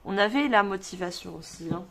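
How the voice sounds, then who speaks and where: A woman's voice: medium pitch, fairly quick, creaky, fairly bright tone. Woman, tarot reading video, rambling, self-repeating, reads cards aloud. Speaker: tarot reader.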